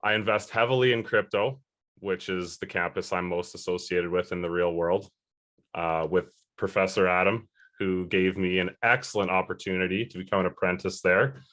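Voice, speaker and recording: A man in his early thirties, his low voice steady and fairly bright at a moderate pace, answers an interviewer's questions as a guest. He speaks earnestly but rambles a little, with fillers and restarts.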